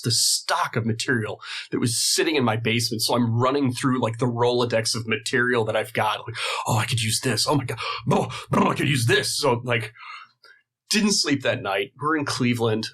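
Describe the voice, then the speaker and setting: A man in his thirties tells a story in casual podcast talk. His voice is bright and forward. He throws himself into the tale, jumping up high to act out the people he quotes. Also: fairly quick, husky. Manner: animated storyteller who acts out quoted people. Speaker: guest luthier.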